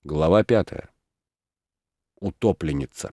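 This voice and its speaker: A man reading a classic story aloud in measured audiobook narration. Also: low voice, warm tone, no room sound.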